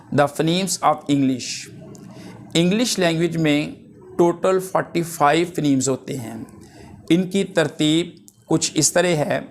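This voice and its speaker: A man teaching a linguistics lesson, drawing out English terms and example words slowly and deliberately. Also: fairly high pitch. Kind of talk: lecture.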